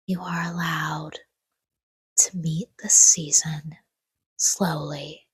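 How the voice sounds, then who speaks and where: In a low, very breathy whisper, a woman leads a scripted sleep meditation at an extremely unhurried pace. Her short, hushed phrases are soft and soothing, separated by long pauses, in a low-quality recording with no echo.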